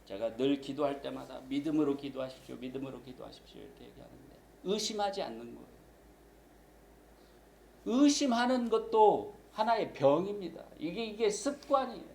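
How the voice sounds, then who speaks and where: A man's voice: sits high, sing-song, moderate pace, gravelly, darkish tone, rough recording. A man preaching a sermon as pastor, emphatic and acting out the voices he quotes.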